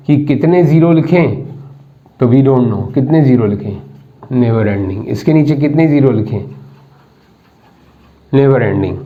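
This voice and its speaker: A man teaching a maths class, mixing Indian-accented English terms into his explanation and often repeating key words and asking students questions. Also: fairly high pitch. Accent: Indian English mixed into Hindi. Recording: tinny phone-like audio.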